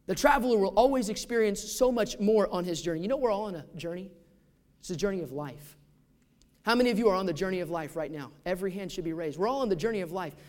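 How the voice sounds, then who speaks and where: Male pastor, high-pitched, conversational sermon delivery with rhetorical questions. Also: animated, fast.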